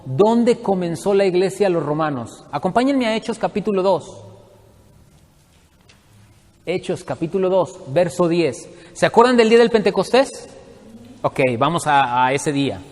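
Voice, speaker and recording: High-voiced preacher in reverberant hall. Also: male voice, animated, moderate pace, darkish tone. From Mexico. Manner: conversational, questions the congregation directly. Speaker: Bible study preacher. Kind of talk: congregational Bible teaching.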